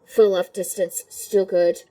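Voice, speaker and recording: A woman's voice: medium pitch, level tone, unhurried, mellow, pitched below the performer's own voice. A woman voicing young male workers in hazmat suits, speaking into a cup so her voice sounds hollow and muffled, in laid-back dude-speak. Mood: casual. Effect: muffled, talking into a cup. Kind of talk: voicing game characters while streaming.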